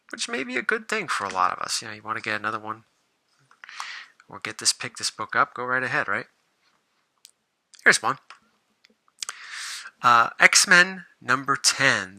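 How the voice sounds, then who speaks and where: A man's voice: medium pitch, pushed and bright, dry recording, low-quality recording. A man hosting a casual show-and-tell video about comic books, rambling, with lots of fillers and restarts. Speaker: comic book collector and channel host.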